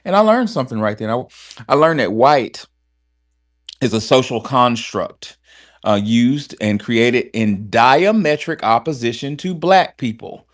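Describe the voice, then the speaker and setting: A man from Alabama, hosting a casual talk show in a blunt, animated manner. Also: mid-range voice, a little slow. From Alabama, USA. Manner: animated and blunt, with frequent restarts and swearing. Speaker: host.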